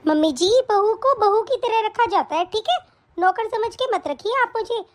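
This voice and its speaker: A woman's voice: very high voice, animated, normal speed. Woman voicing a whiny spoiled young wife. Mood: defiant. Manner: whiny, complaining, defiant. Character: spoiled quarrelsome young married daughter. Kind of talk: animated story voice acting.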